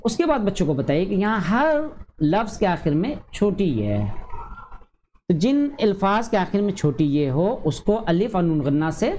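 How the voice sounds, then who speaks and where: A male teacher explaining a grammar lesson to teachers and parents, measured, with frequent drawn-out hesitations and slow repeated word pairs. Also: high-pitched, very animated, darkish tone, a little hiss or hum.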